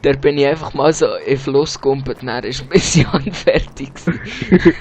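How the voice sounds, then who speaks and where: Young man, Swiss German accent, casual gaming chat, quick to swear, faint game noise. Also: mid-range voice, muffled recording. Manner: swearing, laughing, excitable. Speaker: gamer.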